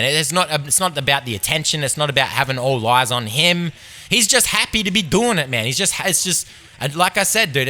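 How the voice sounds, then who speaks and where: Young host, loose profane comic monologue, sharp bright voice. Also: male voice, on the high side. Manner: laid-back, heavy swearing, many fillers. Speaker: podcast host.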